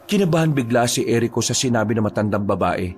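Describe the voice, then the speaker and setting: A male storyteller narrating a horror tale in a steady, measured way. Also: medium pitch, over music.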